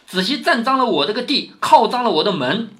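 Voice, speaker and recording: A man voices a cold, scornful middle-aged official father who speaks with brisk, bright edges and lets his pitch jump about. The voice sounds stern and sneering, as the narrator reads the part aloud. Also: sing-song, exaggerated voice.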